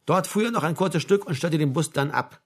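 A man reads a novel aloud in a calm, measured narration. His voice sits a little higher than most men's. The delivery stays steady throughout. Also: breathy edge. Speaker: audiobook narrator. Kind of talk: scripted narration.

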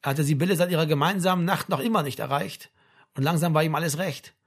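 A man narrating a novel in a calm, even reading voice. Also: a little high, quick pace. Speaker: audiobook reader.

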